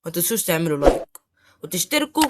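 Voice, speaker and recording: A young man with an Egyptian accent talks his way through a game in a casual, chatty manner. He turns melodramatic at the drop of a hat, wailing and pleading in mock despair. His voice leaps up in pitch and loudness when he complains, then drops back to a low mutter. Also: very animated, very fast, very noisy. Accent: Egyptian Arabic. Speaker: gaming YouTuber. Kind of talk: casual gameplay commentary.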